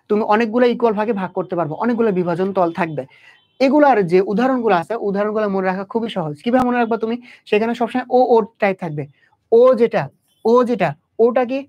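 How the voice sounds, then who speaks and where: In dull, lo-fi audio, a young man gives an exam-prep biology lecture in a high-pitched voice with a darkish tone. Addressing the student directly, he quizzes constantly, asking questions and then supplying the answers.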